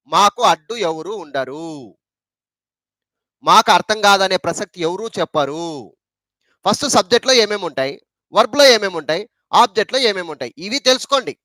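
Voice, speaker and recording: A man's voice: high-pitched, pushed and bright, no echo. A man with a Telugu accent teaching an English grammar lesson, repeating points and asking rhetorical questions.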